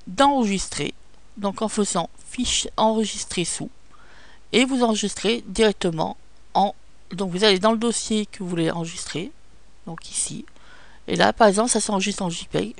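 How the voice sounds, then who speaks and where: A woman speaking walks through a photo-editing tutorial one step at a time, pausing often on fillers. Her mid-pitched voice has a gravelly fry, recorded close and dry with no room sound. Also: no room sound. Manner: step-by-step instructions with frequent fillers. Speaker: tutorial presenter. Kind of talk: screen-recorded software tutorial.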